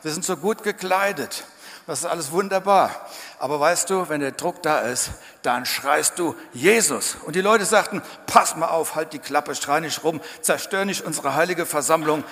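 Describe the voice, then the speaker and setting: A man preaching a sermon in church, emphatic and dramatic, sometimes breaking into loud shouts. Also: on the high side, moderate pace. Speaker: pastor. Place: church hall. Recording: church hall reverb.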